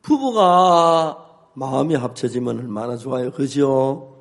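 An older man, a pastor, preaching with humor and telling animated stories, acting out his own shouts and both sides of a quarrel. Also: medium pitch, a little slow. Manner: animated storytelling, acts out shouts. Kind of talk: humorous sermon.

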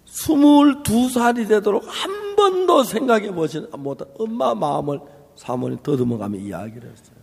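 Husky, gravelly preacher man in a reverberant hall. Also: high voice, big pitch swings, moderate pace. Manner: acts out the people in his story, shifting between hushed and raised voice. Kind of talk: sermon storytelling.

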